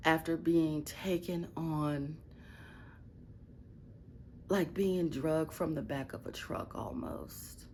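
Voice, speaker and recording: This is a casual late-night bedroom vlog by a woman with a Midwestern American accent whose low-pitched voice is a little mellow and groggy with sleep. She tells blunt, profane, rambling stories against slight background noise.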